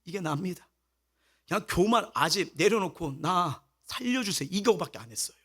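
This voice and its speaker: A man delivers a sermon as pastor, his voice pitched high for a man and swinging widely up and down. He tells a personal story with animation and acts out the lines of the people in it. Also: fairly quick, breathy edge. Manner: animated storytelling, acting out quoted speech.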